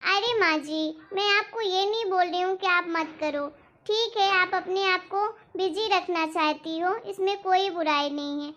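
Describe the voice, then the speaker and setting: A woman's voice: very high-pitched, measured pace, fairly bright tone. A woman voicing a smug young daughter-in-law. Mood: dismissive. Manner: dismissive, smug. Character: proud young modern daughter-in-law, dismissive. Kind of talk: cartoon voice acting. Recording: dull lo-fi recording.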